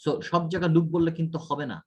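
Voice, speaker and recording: A man's voice: on the high side, fairly even intonation, racing, warm tone, muffled recording. A man, an IELTS tutor going through a student's mistakes point by point. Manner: corrective, explains mistakes point by point. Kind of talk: one-on-one feedback lesson.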